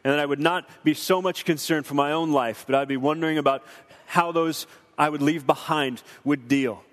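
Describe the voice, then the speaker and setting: Man, young adult, earnest preacherly film commentary, slightly raised pitch, echoing hall. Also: fairly even intonation, moderate pace. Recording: long hall reverb.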